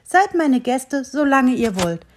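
A woman voicing a small, kind fir tree that gently welcomes guests while reading a storybook aloud. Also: high-pitched, sing-song, slow pace, slight background noise, voice pushed up, full character voice. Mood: welcoming.

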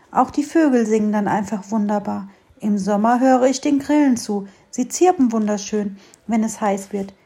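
Woman doing a gentle, shy blind mole. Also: on the high side. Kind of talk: storybook reading.

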